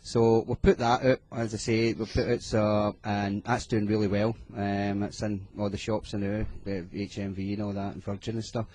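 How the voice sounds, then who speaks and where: A man's voice: lowish voice, little pitch movement, moderate pace, few pauses, a little mellow. A Scottish man guesting in a radio studio, chatting casually and rambling with lots of ums and restarts. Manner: rambling, hesitant, with many fillers and restarts. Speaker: music producer guest. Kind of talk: casual radio interview chat.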